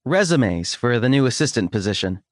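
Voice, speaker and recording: A man voicing a brisk, no-nonsense sister. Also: medium pitch, big pitch swings, dry recording, studio quality, close to an everyday voice. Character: brisk businesswoman twin sister.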